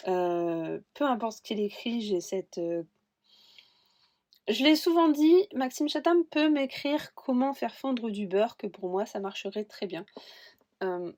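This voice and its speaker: A woman's voice: fairly high pitch, expressive, measured pace, warm tone. A woman book vlogger in casual chat, rambling and talkative about what she is reading. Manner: rambling, chatty, admits she talks too much.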